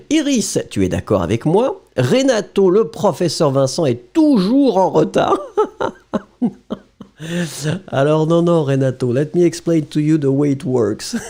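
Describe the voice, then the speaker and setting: A man's voice: a little high, mellow. A man who is a native French speaker, teaching a live lesson, reading out viewer comments and explaining them in English with frequent chuckles.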